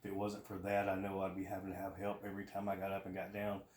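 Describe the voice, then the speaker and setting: Low-voiced man, flat and matter-of-fact. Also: fast. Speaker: vlogger giving a surgery recovery update. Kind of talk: casual talk to camera. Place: indoors at home. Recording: roomy home echo with faint noise.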